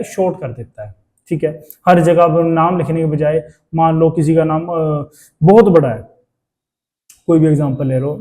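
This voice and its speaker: High-voiced man teaching grammar. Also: mellow. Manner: asks the class rhetorical questions; reads English phrases out slowly. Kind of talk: classroom lecture in Hindi-English mix.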